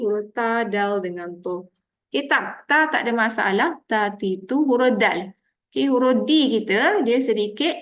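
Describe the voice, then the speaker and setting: Malaysian woman teaching letter sounds patiently. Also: fairly high pitch. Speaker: Quran recitation teacher. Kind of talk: tajwid pronunciation lesson.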